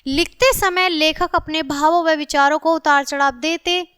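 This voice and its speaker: Woman teaching kids grammar, high bright voice, dry close sound, keeps checking in with the class. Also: steady tone, unhurried, no room sound. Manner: repeats "ठीक है" as a check-in, reads example sentences aloud. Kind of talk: classroom grammar lesson for children.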